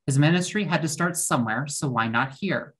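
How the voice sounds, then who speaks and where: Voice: medium pitch, fairly quick, fairly bright tone. Speaker asking questions in a sermon. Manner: questioning, conversational reading. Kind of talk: sermon reflection.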